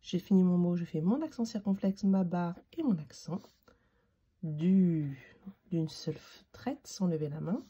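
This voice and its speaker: A woman teacher giving a slow, patient handwriting lesson to young children, spelling out each letter as she writes. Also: on the low side, animated, warm tone, slightly rough, dull audio.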